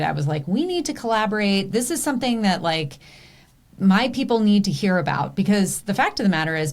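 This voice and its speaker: A woman hosting a podcast, giving a chatty, enthusiastic intro. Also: fairly low pitch. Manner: bubbly, enthusiastic. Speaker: podcast host.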